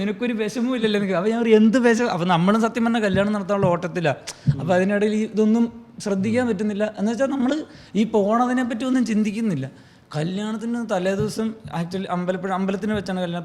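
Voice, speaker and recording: A man with a Malayali accent telling personal stories in a casual chat among friends. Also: high voice. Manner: fast, animated storytelling. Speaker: comedy podcast panelist.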